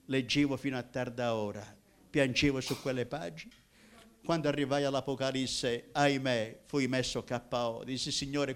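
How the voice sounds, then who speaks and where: An older minister from Apulia in southern Italy gives an emotional personal testimony, swinging between loud cries and hushed tones. His voice is mid-range and clean.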